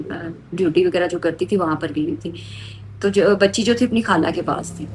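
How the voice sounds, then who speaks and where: A woman's voice: fairly low pitch, a little hiss or hum. A woman, telling a victim's account and appealing urgently to viewers. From Pakistan. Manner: emotional, urgent, indignant. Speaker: activist relaying a victim's account.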